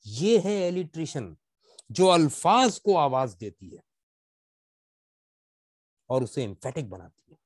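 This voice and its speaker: A man with a Pakistani accent teaching literature in an online class, mixing English into his explanations, asking questions and answering them himself, and reading verse slowly with a rhythmic stress. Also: on the high side, very animated, husky, no room sound, clean studio sound. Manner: explains in Urdu mixed with English, asks and answers own questions.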